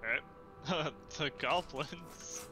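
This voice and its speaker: A man's voice: on the high side, drawn-out words, bright, forceful tone, soft background music. A man running a tabletop game as game master, calling turns and narrating outcomes in a casual, amused way.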